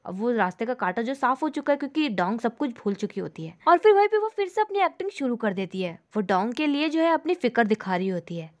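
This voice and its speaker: Woman narrating a drama recap, kinda high voice, steady storytelling. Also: quick pace, hardly any pauses. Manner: steady retelling, leans on the filler "जो है".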